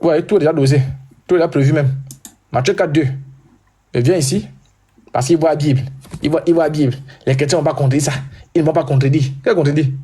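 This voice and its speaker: Brief: husky, fairly high male voice, loud insistent live debater who repeats points. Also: steady tone, fast. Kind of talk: heated live religious debate.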